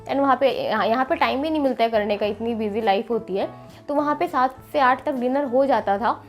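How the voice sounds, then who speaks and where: A young woman, a medical student, explaining her daily routine in a steady vlog with frequent pauses to think. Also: fairly high pitch, faint music behind.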